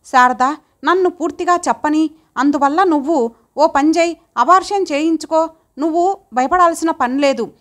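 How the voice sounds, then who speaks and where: A woman's voice: sits high, moderate pace, pitched above the performer's own voice, lightly acted. A woman voicing a wealthy, stern middle-aged husband who talks in a blunt, commanding way. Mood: curt.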